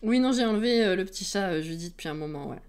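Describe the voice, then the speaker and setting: A woman's voice: mid-range voice, animated, fast, darkish tone, clear, resonant tone. A woman streamer in casual chat with her viewers, laughing often and greeting people as they come in.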